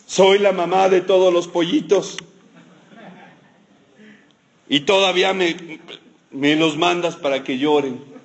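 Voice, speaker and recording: A man voicing Moses as a put-upon man complaining to God in a high, drawn-out, self-pitying whine. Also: steady tone, gravelly. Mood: aggrieved.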